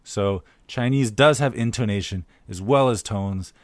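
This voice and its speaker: A man co-hosting a language-learning podcast who explains ideas clearly, like a teacher, with dry humor. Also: on the low side, measured pace, no echo. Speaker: podcast co-host. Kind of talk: casual chat.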